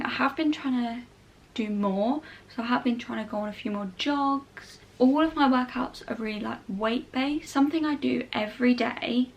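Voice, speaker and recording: A woman's voice: fairly high pitch, vocal fry, muffled recording. A young woman with a southern English accent chats informally in a casual Q&A vlog, often saying "like" and "obviously". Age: young adult. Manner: chatty, informal, frequent "like" and "obviously". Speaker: vlogger answering viewer questions. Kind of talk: casual Q&A chat to camera.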